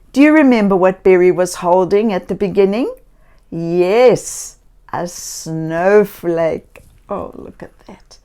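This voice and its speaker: A children's storybook reader, a woman with a medium-pitched voice, reads a picture book aloud to young children with theatrical flair, dropping into hushed tones, exclaiming, and gently asking her listeners questions.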